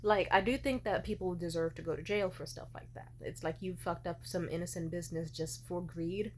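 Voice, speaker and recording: Low-pitched woman, hungover, rambling and profane. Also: fairly even intonation, brisk, darkish tone, a little hiss or hum. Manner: profane, blunt, digressive. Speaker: vlogger. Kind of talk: casual rambling opinion monologue.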